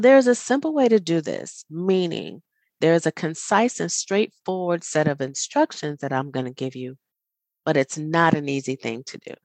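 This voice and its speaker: A woman with a low voice hosts a reflective self-help talk. She speaks to the listener directly, earnest and encouraging, with a smile you can hear. The recording is close and dry. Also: no echo. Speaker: podcast host.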